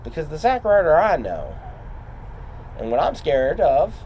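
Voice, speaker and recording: A man playing a brooding wrestler calling out a rival champion in a measured, taunting wrestling promo, speaking deliberately. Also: on the high side, huge pitch swings, a little mellow, a little hiss or hum, rough recording.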